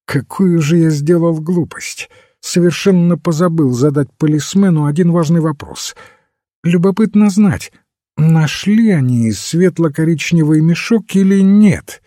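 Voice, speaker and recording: A man doing an eager, husky little priest. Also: on the high side, very animated, a little slow, mellow, no echo, clean studio sound, voice pushed up. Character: mild, earnest little male priest detective.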